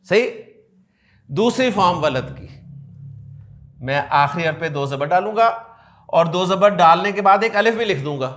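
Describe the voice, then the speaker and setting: A man with a Pakistani Urdu accent teaching an Arabic grammar class. He explains in a lively way, repeats word endings aloud and jokes with his students. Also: high-pitched. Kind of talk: classroom lecture.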